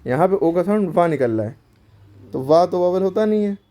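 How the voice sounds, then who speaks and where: A man's voice: sits high, expressive, fairly quick, dark tone. A man teaching a grammar lesson to schoolchildren, explaining step by step and answering his own questions.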